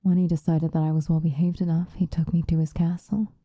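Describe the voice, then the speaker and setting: Here the hushed, seductive vampire turns tender and nostalgic as her confessional ASMR monologue unfolds. The woman's deep voice holds a level tone, breathy and soft, slipping into unhurried whispers. Recorded close and dry, it carries no echo.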